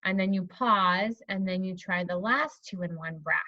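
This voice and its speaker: A woman teacher demonstrating a phonics lesson to an imagined student, encouraging and modeling words slowly. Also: mid-range voice, bright, forceful tone, no room sound. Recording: slightly dull, dry recording.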